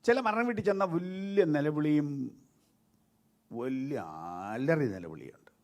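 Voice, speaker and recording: Animated Malayali pastor preaching. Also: male voice, on the high side, a little slow. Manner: lively preaching, rising and dropping sharply between loud and soft; mixes English words into his speech. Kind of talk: sermon.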